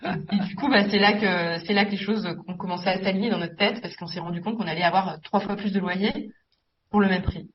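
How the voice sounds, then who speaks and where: A woman from Metz, a guest on a podcast, telling her investing story in a quick, animated way. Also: medium pitch. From Metz, France. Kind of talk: interview conversation. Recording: distant, dull sound.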